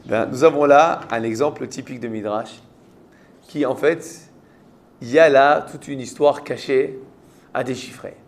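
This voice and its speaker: A man's voice: mid-range voice, a little slow, a little hiss or hum. A man with a French accent, a rabbi giving a Torah class and quizzing his students with rhetorical questions.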